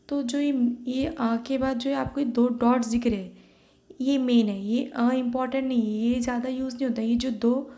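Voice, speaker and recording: A woman's voice: fairly high pitch, mellow. A young adult woman, teaching young children step by step and checking in with "okay" after each point, often slipping English words into her talk. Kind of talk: online class lesson for young children. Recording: echoey room.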